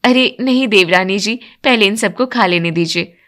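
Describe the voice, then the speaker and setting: Meek, soft-spoken elder daughter-in-law, read by a woman narrator. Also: mid-range voice, normal speed, close to an everyday voice. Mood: gentle. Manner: soft, cautious.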